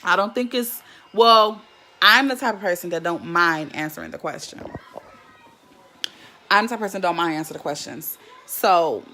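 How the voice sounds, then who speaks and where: A woman's voice: fairly low pitch, moderate pace, bright, forceful tone. A woman from Jackson, Mississippi, chatting casually on a livestream and greeting viewers by name. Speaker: livestream host.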